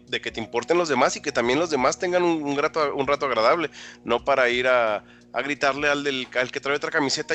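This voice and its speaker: A man's voice: mid-range voice, pushed and bright. A man co-hosting casual sports talk, opinionated and often repeating words as he searches for them. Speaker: co-host.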